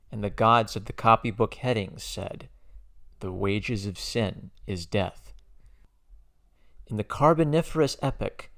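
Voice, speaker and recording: A man reads poetry dramatically in a gravelly, fairly low voice, his phrasing measured and declamatory with emphatic stresses.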